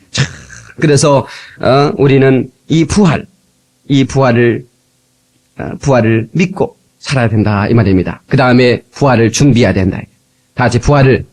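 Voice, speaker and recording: A man preaching a sermon as pastor, playful and animated, with sudden loud exclamations, from an old cassette recording. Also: medium pitch. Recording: old tape transfer.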